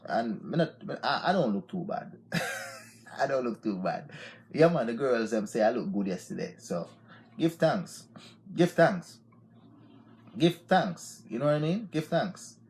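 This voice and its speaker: A Jamaican man in his forties hosts an unscripted live stream, and he talks about self-improvement in a loose, repetitive way. His voice sits at a medium pitch for a man, and he keeps coming back to easygoing affirmations between points. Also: very animated, a little slow, long pauses, darkish tone. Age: 40s. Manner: loose and repetitive, peppered with "yeah, man" and laughs. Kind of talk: unscripted motivational talk.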